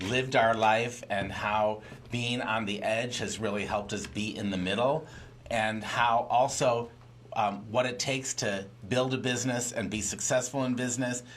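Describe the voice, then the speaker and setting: A man co-hosting a live business podcast from a studio set. He speaks in an earnest, motivational way at a medium pitch. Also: a bit bright. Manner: earnest, motivational, chiming in briefly. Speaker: podcast co-host.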